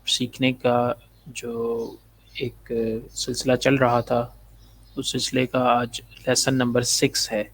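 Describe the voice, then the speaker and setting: Flat-voiced man teaching Quran spelling. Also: medium pitch, a little hiss or hum. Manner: spells letters slowly, then explains rules quickly. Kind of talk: spelled-out Quran reading lesson.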